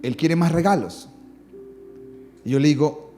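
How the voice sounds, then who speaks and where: A male pastor delivering a dramatic sermon, his voice on the higher side for a man. He swings between loud emphatic peaks and low, hushed lines. Soft music plays faintly beneath him. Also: unhurried. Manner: dramatic preaching, voice rising and dropping for emphasis.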